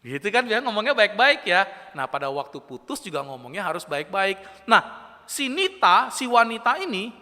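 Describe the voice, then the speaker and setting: An animated male youth preacher with a bright, high, lively voice that leaps up and down. He teases and quizzes his listeners in a playful way. A long reverb trails his words through the church. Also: normal speed. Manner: animated, playful, asks the audience questions. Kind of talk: youth sermon. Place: church, live-streamed service.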